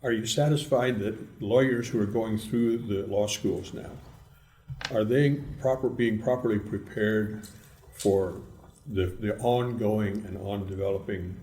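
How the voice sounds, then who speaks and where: A man co-hosting a legal podcast, asking measured, probing questions of his guests. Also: lowish voice, fairly even intonation, warm tone, roomy sound. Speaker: podcast co-host. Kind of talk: podcast panel discussion.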